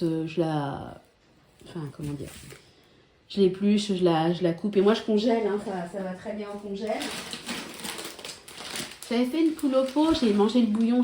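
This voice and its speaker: A woman's voice: mid-range voice, mellow. A woman chatting casually to viewers about her groceries, full of hesitations and asides. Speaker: vlogger showing her grocery haul. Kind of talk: casual vlog chat. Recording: echoey room with faint noise.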